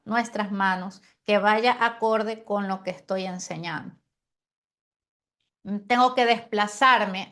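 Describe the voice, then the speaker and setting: A woman gives a chatty lesson on preaching. She lets pauses hang on purpose and often checks in with her listeners. Her voice sits at a middling pitch. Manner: animated, uses deliberate pauses and demonstrations; frequent rhetorical "¿sí?" and "amén". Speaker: preaching teacher. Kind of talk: conversational teaching on preaching.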